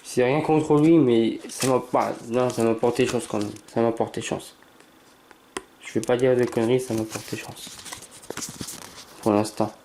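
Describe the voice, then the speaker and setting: Mellow-voiced man muttering through card openings. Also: measured pace, pauses often, slight background noise. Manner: reads card names aloud, stammers, bursts into excited exclamations; holds back from shouting, keeps voice low at night. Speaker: YouTuber opening trading cards. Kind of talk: casual card-opening commentary.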